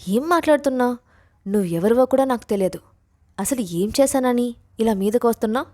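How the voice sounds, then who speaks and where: A woman reading a story voices a fierce, short-tempered young college woman who shouts angrily. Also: medium pitch, fairly quick, close to an everyday voice. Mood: angry. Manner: angry shouting.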